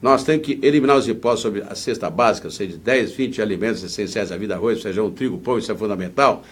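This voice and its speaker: A man's voice: lowish voice, fast, slightly rough. A man with a Brazilian Portuguese accent speaking as a political candidate in an interview, in an indignant, emphatic, rambling way.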